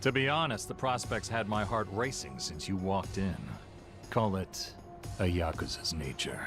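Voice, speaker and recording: Casting: male actor as commanding, proud yakuza boss, deep gravelly snake voice, measured delivery, game music behind. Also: close to an everyday voice. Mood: coolly confident. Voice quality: gravelly Solid Snake-like action-hero voice. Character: stern, proud middle-aged yakuza captain. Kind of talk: dramatic video game voice acting. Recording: game audio with music underneath.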